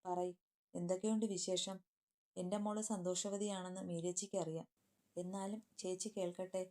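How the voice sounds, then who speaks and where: A woman voicing a young woman who is a grieving, tender elder sister, speaking softly and affectionately. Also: lowish voice, flat delivery, normal speed, lightly acted. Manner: soft, affectionate, sorrowful.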